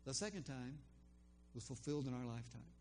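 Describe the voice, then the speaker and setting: Fast and lively in his intonation, this older man has a mid-range voice, and there's slight background noise. He tells a personal faith story about a conversation in a rambling, casual testimony full of ums and restarts.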